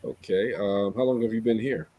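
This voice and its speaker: A man's voice: on the low side, normal speed, no room sound, highs cut off. A man hosting a casual interview, effusive and often repeating himself as he addresses his guest. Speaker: show host.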